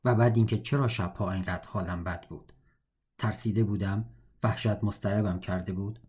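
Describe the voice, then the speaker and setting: A man reading a novel aloud in a steady, reflective way, now and then breaking off for wry casual comments. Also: on the low side. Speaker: audiobook reader.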